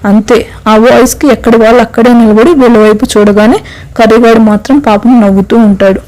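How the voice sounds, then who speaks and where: Higher-pitched woman telling a story. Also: steady tone, fairly quick, warm tone, rough recording. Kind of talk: audio story narration.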